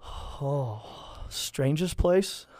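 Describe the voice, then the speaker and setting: Animated storytelling priest, dry close sound. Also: male voice, fairly high pitch, very slow, dry recording. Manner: animated storyteller, acts out quoted voices. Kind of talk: storytelling in casual chat.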